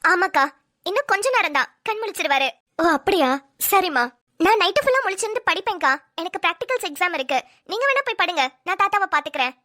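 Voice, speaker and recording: An earnest young bride who studies hard and cares for the family, yet is sharp when something is wrong, voiced by a woman. The voice is very high and bright. It is close and dry. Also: animated, dry recording, full character voice. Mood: eager. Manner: eager, polite, quick to question.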